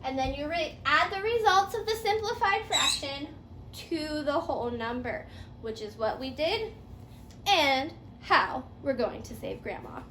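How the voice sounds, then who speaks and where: At a measured pace, a woman with a high, expressive voice that is pushed and bright teaches a step-by-step fairytale math lesson. Sing-song questions and repeated answers encourage her pupil. Faint background noise and a roomy echo fill the recording.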